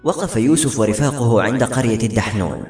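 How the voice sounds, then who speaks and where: Brisk male audiobook narrator. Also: medium pitch, animated, darkish tone. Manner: brisk, dramatic storytelling. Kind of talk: scripted narration. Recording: roomy echo, faint music behind.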